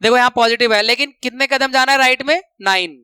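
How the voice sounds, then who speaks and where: High, bright-voiced maths teacher. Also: male voice, fast, clean tone, dry recording. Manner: counts steps aloud, repeats rules to remember. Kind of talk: classroom lesson explanation.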